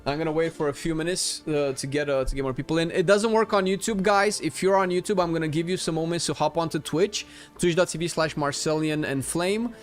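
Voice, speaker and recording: A man's voice: a little high, brisk. Guy streaming a game, chatting casually to viewers, sweary and informal, faint game music behind. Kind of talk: casual live-stream chat while gaming.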